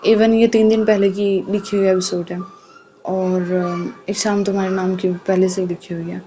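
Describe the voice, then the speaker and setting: A woman reading a romance novel aloud as an audio-novel narrator, with even, unhurried storytelling, on a dull lo-fi recording with faint hiss. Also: mid-range voice.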